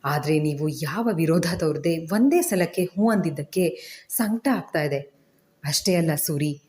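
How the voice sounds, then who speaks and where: A woman's voice: lowish voice, warm tone, lightly acted. A woman reading the part of an anxious, devoted young wife in an audio story, tearful and pleading.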